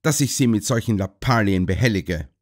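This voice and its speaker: A man doing a furious blustering gentleman. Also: fairly low pitch, animated, moderate pace. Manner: shouting, broad country dialect.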